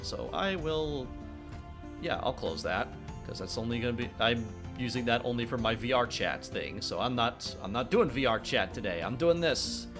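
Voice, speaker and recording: A man's voice: medium pitch, very animated, normal speed. Rambling man streaming his game dev. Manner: rambling, full of filler sounds and restarts; jokey, reads chat questions aloud and answers them. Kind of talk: casual livestream chat. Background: faint background music.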